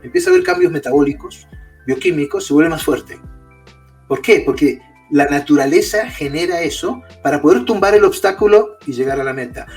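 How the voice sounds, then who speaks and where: A man with a slightly high voice and a very lively pitch, explaining his ideas as a guest author. He keeps posing questions and answering them himself, checking in with a quick "¿sí?". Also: soft background music. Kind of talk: explaining in an interview.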